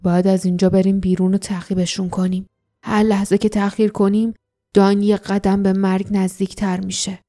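Woman playing a stern male fighter, curt, sharp, commanding, warm low tone, storybook. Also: monotone, natural voice. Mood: urgent.

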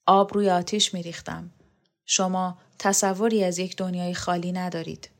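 A woman reading a novel aloud, voicing a devoted, wistful man who recalls the past in a soft, dreamy way. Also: lowish voice, steady tone, lightly acted. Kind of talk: audiobook character reading.

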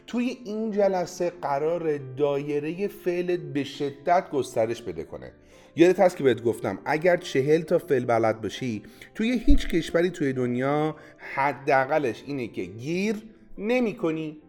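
A man teaching a podcast language lesson, coaching the listener directly with quick prompts, drills and praise. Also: a little high, big pitch swings, darkish tone, soft background music.

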